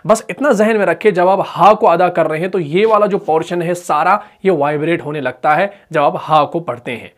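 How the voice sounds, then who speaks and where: A man with a Pakistani Urdu accent and a slightly high voice teaches Quran recitation in a tajweed lesson. He poses questions and answers them himself, drawing out the example words slowly.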